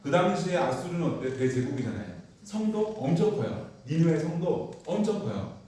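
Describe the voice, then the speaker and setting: Brief: male Bible class teacher, fairly high voice, animated storytelling, distant echoey room. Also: normal speed. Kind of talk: lively church Bible lecture. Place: church classroom.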